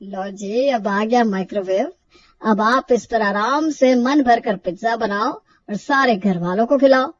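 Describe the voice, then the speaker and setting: A woman voicing a young husband in a cartoon story, talking in a soft, coaxing, placating way. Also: a little high, unhurried, dry recording, distant mic, muffled recording.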